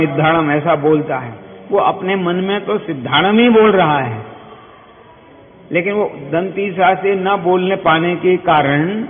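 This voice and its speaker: A man with a rather high voice gives an unhurried scripture discourse, pausing to quiz his listeners with short questions. The sound is thin and phone-like, with long hall reverb and faint hiss behind him. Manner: keeps asking listeners quick questions; explains by everyday examples. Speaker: Jain scripture teacher.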